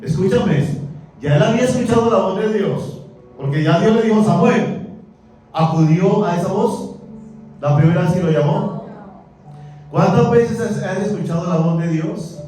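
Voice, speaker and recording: A man preaching a sermon, animated and asking the congregation questions, heard from a distance in a church hall. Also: high-pitched, normal speed, soft background music. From Colombia. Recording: echoey church, mic far off.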